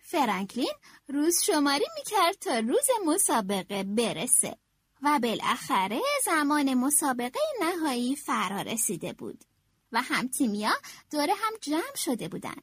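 A woman narrating a children's storybook, reading in an expressive, animated way. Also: sits high, husky, dry recording, studio quality. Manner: expressive, animated read-aloud.

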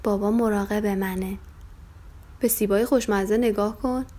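A woman's voice: medium pitch, steady tone, warm tone, natural voice. A woman voicing a timid little lamb. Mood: reassured. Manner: slow, small, childlike voice. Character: timid little male lamb, easily frightened.

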